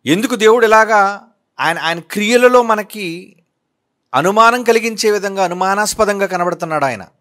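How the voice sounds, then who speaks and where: A man preaching with a lively, rising and falling voice that sits fairly high. He reads scripture in drawn-out phrases, then presses his listeners with pointed, repeated questions. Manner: questioning, emphatic, drawn-out readings. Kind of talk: sermon with bible reading.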